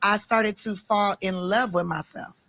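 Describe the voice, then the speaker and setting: A woman guest chatting casually, telling animated stories and acting out what others said. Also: mid-range voice, a little slow. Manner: animated storyteller, quoting others' voices. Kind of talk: casual chat.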